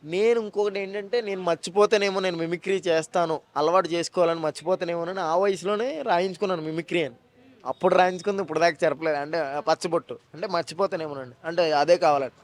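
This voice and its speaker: Man, actor and mimic, rapid and lively interview guest. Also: high-pitched. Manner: fast, animated storytelling with joking asides. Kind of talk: casual interview talk.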